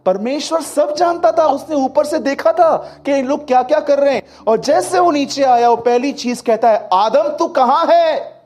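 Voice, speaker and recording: A man preaching a sermon, telling stories and swinging between loud and hushed delivery. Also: extremely high pitch, normal speed, few pauses. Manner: lively storytelling, acting out quotes, swings from loud to hushed. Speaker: pastor.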